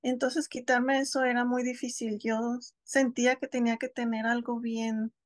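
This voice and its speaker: Speaking from her home couch over a video call, this woman in her thirties from Mexico, a homeschooling mom, gives a casual interview in a thoughtful, hesitant way, frequently starting her sentences over. Her voice is on the high side with little pitch movement at a moderate pace, captured at studio quality without room sound.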